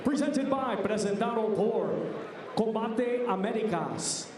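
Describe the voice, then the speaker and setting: A man working as a ring announcer, booming out bilingual fight introductions in a theatrical, drawn-out lucha libre announcer manner. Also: lively intonation, a little mellow. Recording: echoing arena PA, distant, crowd noise.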